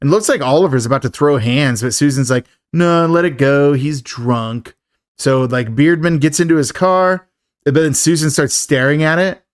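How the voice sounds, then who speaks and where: A man's voice: fairly high pitch, brisk, dry recording, clean studio sound. A man co-hosting a podcast, recapping a film in a chatty, joking way and laughing often. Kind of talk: casual chat.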